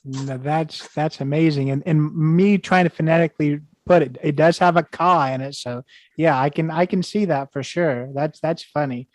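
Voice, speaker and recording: A man's voice: on the high side, moderate pace, dry recording. A man hosting a casual podcast interview, rambling and hesitant with many false starts. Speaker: podcast host.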